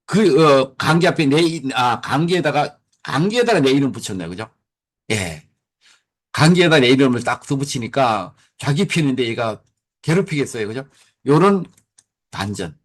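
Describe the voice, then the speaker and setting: A man's voice: mid-range voice, animated, moderate pace. A middle-aged man giving a lecture on short poems in a folksy way, asking the audience questions and answering them himself.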